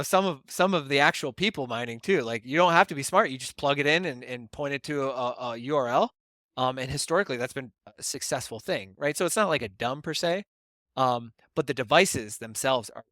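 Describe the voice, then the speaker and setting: A man's voice: medium pitch, pushed and bright, dry recording, clean studio sound. A man co-hosting a casual podcast, explaining at length and often checking in with "right?". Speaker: podcast co-host explaining bitcoin mining.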